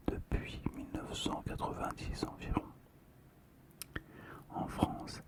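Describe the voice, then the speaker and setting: Collectibles are shown and discussed by an ASMR host in a gentle, unhurried whisper. Throughout, the tone remains quiet and hushed.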